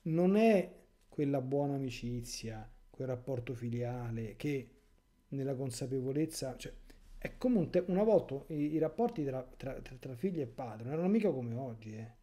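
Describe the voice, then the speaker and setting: Dark-voiced impassioned priest. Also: male voice, mid-range voice, animated, normal speed. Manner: impassioned, rhetorical, sarcastic asides. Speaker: priest giving catechesis. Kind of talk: catechesis sermon.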